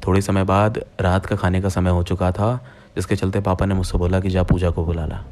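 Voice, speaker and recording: A man's voice: low voice, little pitch movement, a little fast, a little mellow, a little hiss or hum. A young man narrating a true-style horror story in the first person, speaking directly to his listeners as friends in a plain retelling voice.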